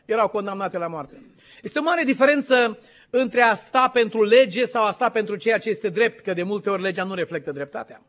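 A man's voice: sits high, a bit bright. A man preaching a sermon as pastor, impassioned and quizzing his congregation. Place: church in the United States. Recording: dull lo-fi recording.

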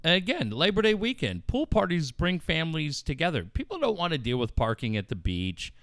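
A man's voice: a little high, sing-song, fairly quick, fairly bright tone, no echo, clean studio sound. A middle-aged man from Southern California hosting talk radio, rambling and swearing in casual banter. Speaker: radio show host.

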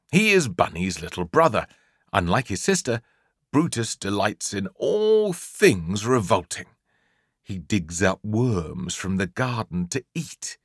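An audiobook narrator with an English accent tells a comic children's story theatrically and emphatically, drawing out key words. His voice is fairly low with a fairly bright tone, recorded at studio quality with no echo.

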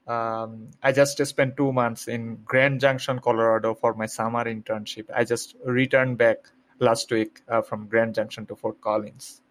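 A young Bangladeshi man, a PhD student appearing as a guest, answers interview questions with careful explanations and plenty of hesitant fillers. His mid-range voice stays fairly flat in pitch, a little slow, with a fairly bright tone.

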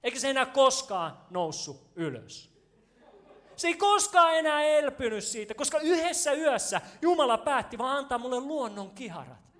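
Male pastor, high-pitched, animated storyteller who grows loud when excited, casual joking sermon to a congregation. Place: church stage before a congregation.

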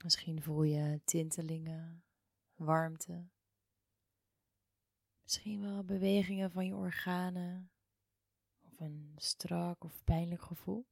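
Slow, hushed woman guiding relaxation. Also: lowish voice, steady tone, creaky, no room sound, studio quality. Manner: slow, soothing, with long pauses. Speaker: yoga and meditation guide. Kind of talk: guided relaxation meditation.

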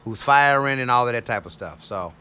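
A middle-aged man who works as a radio DJ, talking loosely in a casual interview and telling drawn-out stories. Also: mid-range voice, lively intonation, bright, forceful tone, clear, resonant tone. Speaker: radio DJ guest.

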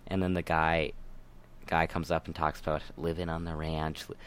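A man's voice: a bass voice, level tone, moderate pace, fairly bright tone, slight background noise. A young man co-hosting a casual podcast, retelling a news story in a rambling, hesitant way. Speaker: podcast co-host.

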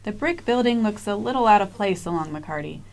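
A woman field reporter reading a measured, descriptive scripted news narration. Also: medium pitch, lively intonation, creaky.

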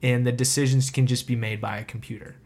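A man's voice: mid-range voice, flat delivery, fast, a little mellow. A man co-hosting a casual discussion, rambling and filling his talk with constant "like".

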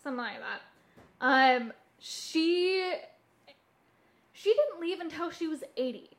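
A woman's voice: very high voice, lively intonation, slow, fairly bright tone. A woman co-hosting a casual chat about hauntings, telling stories informally and thinking aloud with some hesitation. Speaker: podcast co-host.

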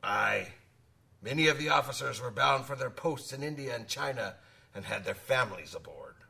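An actor playing a gruff, hearty old sailor who savors short phrases as he spins dramatic tales of the sea. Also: medium pitch, expressive, moderate pace, sharp tone, distant mic. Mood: grave storytelling. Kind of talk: dramatic audio storytelling.

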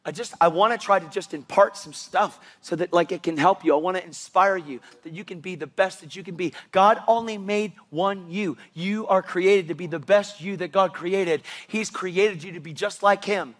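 A man preaching a sermon, animated and impassioned, with sudden loud bursts. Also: sits high, moderate pace, hardly any pauses.

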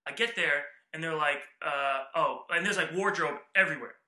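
A man co-hosting a podcast, telling a story in animated casual chat and acting out what people said. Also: on the high side, moderate pace. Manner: animated, acts out quoted lines. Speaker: podcast co-host. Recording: roomy echo.

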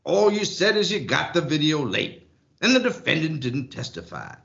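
A stern old country judge lays down the law in a slow drawl, as a man acts him out. His voice is forceful and bright, rising and falling in a lively way. The audio is muffled and lo-fi. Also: fairly high pitch, creaky, full character voice. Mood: lecturing. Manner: country drawl, lecturing, bossy. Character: folksy stern rural male judge, older.

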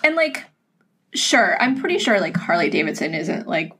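A woman's voice: on the low side, very animated, moderate pace, fairly bright tone, a little hiss or hum. A woman co-hosting a podcast, chatting casually over drinks, laughing often and swearing freely. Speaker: podcast co-host.

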